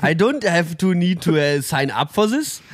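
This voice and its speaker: A man's voice: fairly high pitch, sing-song, normal speed. A man voicing a boastful young male techno DJ from Berlin, bragging in mock German-accented English. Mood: cocky.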